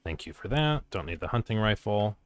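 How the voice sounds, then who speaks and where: A man's voice: on the low side, very animated, fairly quick, smooth, no echo. A man giving casual gameplay commentary, muttering short fragments to himself and reading on-screen text aloud. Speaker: gamer playing and commenting on a video game.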